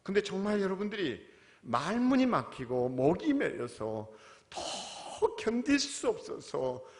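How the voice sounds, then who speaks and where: A male pastor preaching a sermon, swinging from quiet, questioning asides to loud, impassioned cries. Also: high voice. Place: church sanctuary. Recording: long reverb of a church hall.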